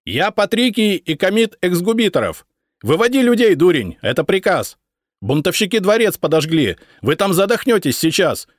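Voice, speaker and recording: A man voicing an angry, commanding male noble officer who shouts orders in a raised voice. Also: high-pitched, big pitch swings, moderate pace, dry recording, clean studio sound, voice pushed up. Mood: commanding, irritated. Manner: shouting, impatient.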